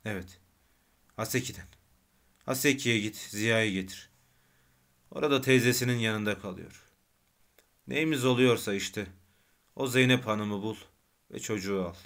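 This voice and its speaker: A man's voice: lowish voice, measured pace, pauses often. Man doing a bitter, dying consumptive man. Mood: grumbling. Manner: bitter, grumbling, bursts into shouting. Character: dying, irritable man with tuberculosis.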